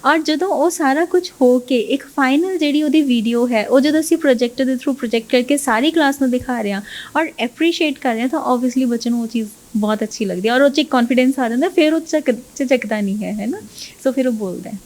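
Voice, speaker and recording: A woman English teacher, interviewed about her methods, speaks fast in a high-pitched, slightly mellow voice. She mixes English phrases into her Punjabi and keeps checking with the listener by asking "right?".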